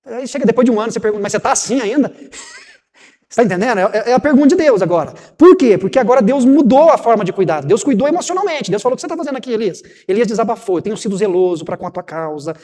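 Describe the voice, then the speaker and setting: A Brazilian pastor preaches in a high, mellow voice, talking to his congregation and acting out the dialogue between God and Elijah. His voice rings with the long reverb of a church sanctuary. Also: lively intonation, rapid-fire. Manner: conversational preaching, rhetorical questions, acts out God's and Elijah's words. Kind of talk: sermon.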